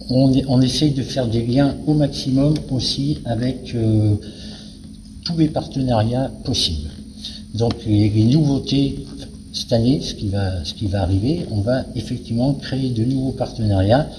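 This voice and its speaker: A man speaking as a venue director in an interview, explaining things in a hesitant, searching way. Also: lowish voice. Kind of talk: spoken interview about a cultural season. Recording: noisy, very reverberant hall.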